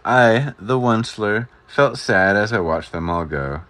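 Low-voiced man reading a rhyming storybook. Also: measured pace. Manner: rhythmic, expressive rhyming delivery.

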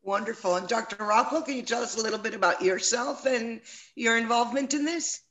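A middle-aged woman hosts a conversation over a video call, her voice sitting a little high. She speaks earnestly and personally, with a few fillers as she gathers her thoughts. She is at home, in front of a webcam. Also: brisk, fairly bright tone, rough recording. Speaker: moderator. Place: home room indoors.

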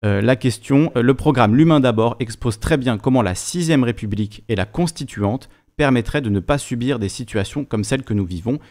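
A man's voice: medium pitch, a little fast, hardly any pauses, darkish tone. A man moderating an online talk, reading audience questions aloud in a plain way.

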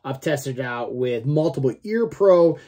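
A man's voice: medium pitch, animated, a little slow, dark tone. A man in his forties giving a casual product review to camera, informal and a little salty, often checking in with "okay?". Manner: informal, mildly profane, frequent "okay?" check-ins. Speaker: gear reviewer. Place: small room at home, indoors.

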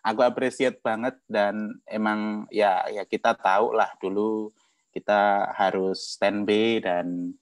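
A man hosting a casual livestream chat, joking, laughing often and filling pauses. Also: on the low side, fairly even intonation, no room sound. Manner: jokey, laughs often, many fillers. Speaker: host.

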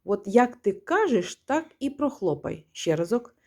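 A woman music teacher giving a one-on-one lesson, patiently prompting her pupil and chanting rhythms slowly. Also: mid-range voice, big pitch swings, a little mellow.

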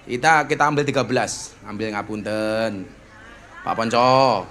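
A man's voice: on the low side, measured pace, fairly bright tone. A man with a Javanese accent, a preacher hosting a religious gathering, telling stories and joking with guests. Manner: joking, teasing banter with guests. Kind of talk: lively sermon storytelling to a crowd.

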